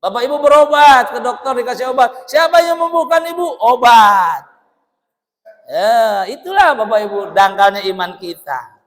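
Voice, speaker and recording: High-voiced man preaching in an echoey hall. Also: fairly quick. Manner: animated storytelling, acting out dialogue, laughing often. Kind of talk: dawn mosque sermon. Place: mosque.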